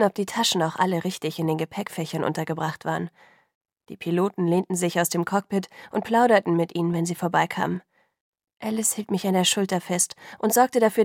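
A woman reading a first-person novel aloud as audiobook narrator, voicing dialogue a little higher than her narration. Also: a little mellow, no room sound, studio quality. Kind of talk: scripted narration.

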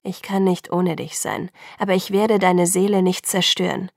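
A woman voicing a calm, protective young vampire man in an audiobook, speaking softly and slowly in a low, measured way. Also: vocal fry, no room sound, studio quality. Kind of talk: audiobook reading.

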